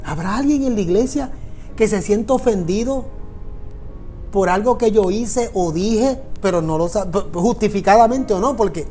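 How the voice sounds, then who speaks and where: Preaching about prayer, this Puerto Rican pastor has a high-pitched voice with a dark tone and a Puerto Rican Spanish accent. He speaks earnestly, repeating himself and talking directly to those listening.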